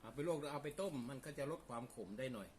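A man chats at a mid-range pitch as he eats, his mouth often full. He explains things to viewers in a folksy, casual way. Birdsong and clear ambient noise sit behind his voice. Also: fast talker, darkish tone. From Isan, northeastern Thailand. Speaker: food vlogger. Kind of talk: casual mealtime chat to viewers.

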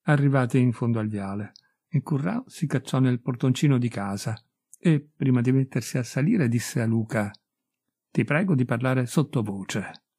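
A man reading a literary short story aloud in a measured, steady narration. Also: mid-range voice. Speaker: audiobook reader.

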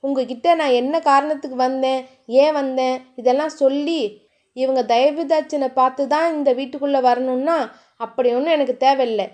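A woman's voice: sits high, fairly even intonation, normal speed, a little mellow, lightly acted. A woman voicing a hurt young wife, indignant and tearful in her pleading.

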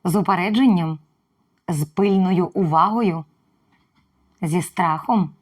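A woman's voice: fairly low pitch, slow pace. Playful woman quizzing viewers on stress. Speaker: Ukrainian language teacher. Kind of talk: short video language lesson.

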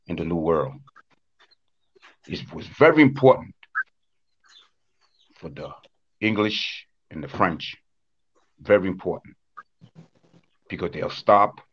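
The invited speaker on the Wanaragua dance, a man from Honduras, has a low-pitched, fairly bright voice, heard as dull audio from a webcam on a video call. In his conference talk he lays out the history plainly, repeatedly using "uh" and "according to what I understand."

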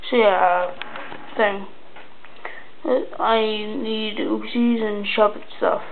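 A young person talking quietly and haltingly late at night, casually showing off a card deck in a low-key way. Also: fairly even intonation, vocal fry. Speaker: video maker. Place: indoors at a table at home. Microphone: handheld camera's built-in mic. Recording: muffled lo-fi camera mic, noisy.

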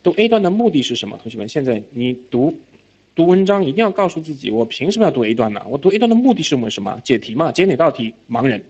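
A man teaching IELTS reading in a recorded lecture, animated, often asking whether students follow and dropping English words into his talk. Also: fairly high pitch, fast, slightly rough. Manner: mixes English words into speech. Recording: slightly dull lo-fi lecture audio.

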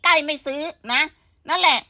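Woman commentator, high bright voice, dry close sound, blunt and scolding. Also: brisk, dry recording. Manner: blunt, scolding, rhetorical questions. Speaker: online commentator. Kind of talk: casual gossip commentary.

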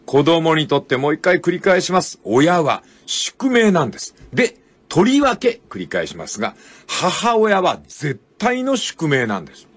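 Older male radio host, husky and a touch high, tells it like a folksy yarn. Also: wildly swooping pitch, a bit bright. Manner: folksy storyteller, drawn-out emphatic phrasing. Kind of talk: radio talk, book commentary.

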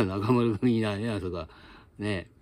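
A man's voice: lowish voice, measured pace, a little mellow. A man teaching a casual spoken lesson in a blunt, colloquial, lecturing way.

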